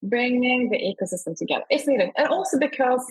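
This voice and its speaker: A woman's voice: a little high, expressive, fast talker, breathy edge, poor audio. A woman from Scandinavia, an investor and award founder, talking enthusiastically in an interview. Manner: enthusiastic, emphatic.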